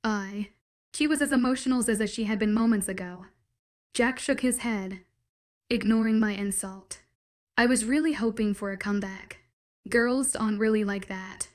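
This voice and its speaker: Female narrator, mid pitch, wry conversational audiobook read. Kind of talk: first-person audiobook narration.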